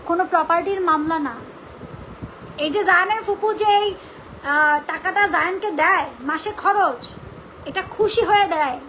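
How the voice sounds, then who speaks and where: Very high-pitched, indignant woman livestreaming. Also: sharp tone, a little hiss or hum, rough recording. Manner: indignant, confrontational. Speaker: live-streamer rebutting accusations about own family. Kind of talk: unscripted livestream monologue.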